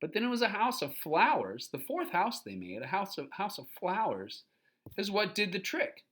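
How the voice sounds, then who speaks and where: Here a children's book is read aloud expressively by a storybook reader whose pitch sits in the middle range; she interrupts the story to clarify points and ask the listeners questions.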